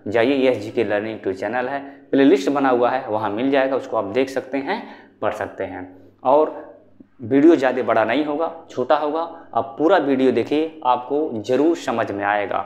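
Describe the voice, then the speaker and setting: A man's voice: mid-range voice, moderate pace, darkish tone. Man drilling Hindi grammar questions. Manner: repeats answers with "what will it be?" drills. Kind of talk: online exam-prep lesson.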